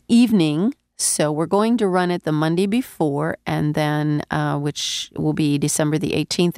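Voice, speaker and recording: A woman preaches on the radio in a low, gravelly voice, nasal and stuffed up from a cold. Her delivery is earnest and emphatic, with repeated key phrases. The sound is close and dry. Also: no echo. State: congested, getting over a cold. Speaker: radio preacher and show host. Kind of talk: radio sermon.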